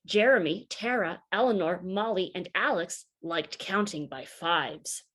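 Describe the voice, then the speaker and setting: In a fairly low voice, this storybook reader performs a children's picture book with measured delivery and vivid expression.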